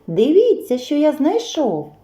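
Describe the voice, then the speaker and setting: A woman's voice: high voice, huge pitch swings, measured pace, dark tone, voice pushed up, exaggerated voice. A woman voicing a patient, hardworking male rooster in a children's storybook tale, calling out in a raised voice. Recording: roomy echo.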